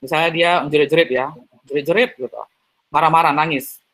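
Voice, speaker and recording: A man's voice: on the high side, fairly even intonation, a little fast, fairly bright tone, slight background noise. A man giving an online seminar talk over a video call, chatty and full of tag fillers. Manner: chatty, heavy use of tag fillers, acts out little dialogues. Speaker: seminar speaker.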